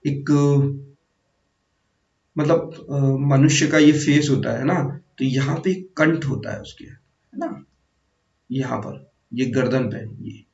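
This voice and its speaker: A man teaches grammar for exam prep, explaining patiently and checking in with his viewers. His voice is gravelly and his delivery is slow. He sounds distant from the mic in an echoey room, with a dull recording. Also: mid-range voice, a little mellow. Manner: explanatory, repeats 'theek hai' and 'hai na'; addresses viewers as friends, self-correcting.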